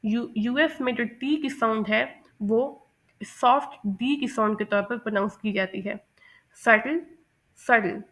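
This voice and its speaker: A woman teaching English pronunciation in a methodical lesson, mixing English terms into Hindi and repeating example words slowly. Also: fairly high pitch. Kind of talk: explanatory lesson.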